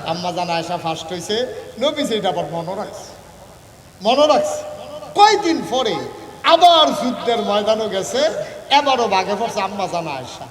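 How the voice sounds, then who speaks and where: A man with a high, ringing voice delivers a humorous sermon, moving from storytelling into sung, chanted phrases. He sounds far from the microphone, and his voice carries a long reverb through a large echoing hall. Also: animated, normal speed. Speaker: preacher. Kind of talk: humorous sermon at a religious gathering. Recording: echoey hall, far from mic.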